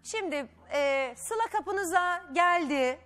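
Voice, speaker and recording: A woman's voice: very high voice, lively intonation, slow pace, fairly bright tone, faint music behind. A woman hosting a talk show, probing her guests with pointed questions.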